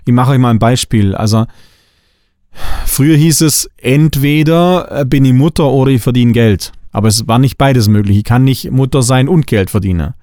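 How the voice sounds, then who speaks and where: A middle-aged man from Swabia, Germany, hosts a spiritual coaching podcast monologue, speaking bluntly and emphatically to hammer his points home. His medium-pitched voice is warm and at normal speed, recorded cleanly in a studio without room sound.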